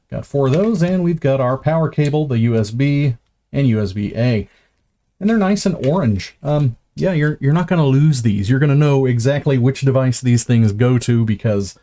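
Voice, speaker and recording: A man's voice: mid-range voice, normal speed, warm tone. A man unboxing gear on a live stream, chatty and self-mocking, stumbling over words and starting lines again.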